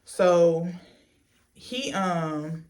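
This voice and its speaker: A woman's voice: fairly low pitch, steady tone, darkish tone. A woman vlogger chatting casually through a storytime as she gets ready, blunt and sassy, swearing freely in a stop-and-start delivery. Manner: unhurried stop-and-start delivery while doing a get-ready-with-me.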